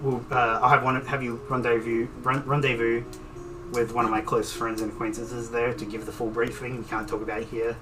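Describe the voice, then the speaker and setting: A man doing a hushed, secretive noble patron. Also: medium pitch, little pitch movement, far from the mic, music in the background, natural voice. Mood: urgent. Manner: hushed, urgent, measured.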